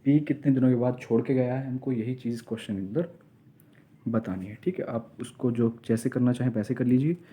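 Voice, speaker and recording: A man with a mellow, mid-range, slightly breathy voice teaches an exam-prep math lesson step by step. He often poses questions and answers them himself, reading the English question text slowly before explaining it in Hindi.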